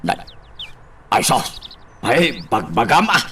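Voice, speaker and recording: A man's voice: mid-range voice, sing-song, takes it slowly, fairly bright tone, slight background noise. A man voicing a worried uncle who keeps exclaiming fretfully, in a radio drama.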